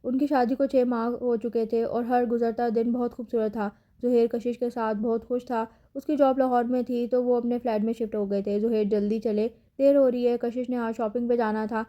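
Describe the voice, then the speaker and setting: Flat, mellow woman narrating a novel. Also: a little high, few pauses, dull audio. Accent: Pakistani Urdu. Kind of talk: scripted audiobook narration.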